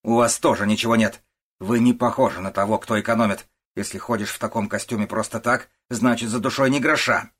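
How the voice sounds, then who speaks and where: A man with a husky voice voicing a harsh, scolding old working-class mother in an audiobook, shouting and contemptuous. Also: medium pitch, a little fast, voice pushed up, close to an everyday voice. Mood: gruff. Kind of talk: audiobook character voice.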